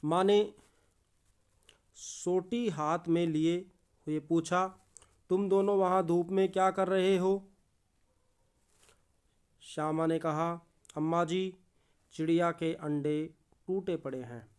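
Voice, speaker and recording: A man's voice: on the high side, fairly even intonation, slow, long pauses, darkish tone, clear, resonant tone. A man teaching a lesson, reading a story aloud and explaining it, often repeating key words as questions for the students. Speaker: Hindi teacher.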